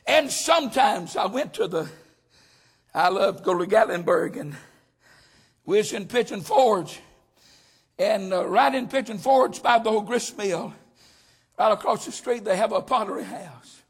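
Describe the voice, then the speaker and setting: Male preacher, very high gravelly voice, hollers his sermon in a rising cadence. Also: lively intonation, measured pace, pauses often.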